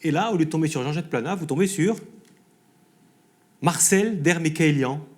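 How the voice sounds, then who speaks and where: A man's voice: on the high side, normal speed. A man hosting a television interview, recapping and prompting his guest's story. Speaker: television host.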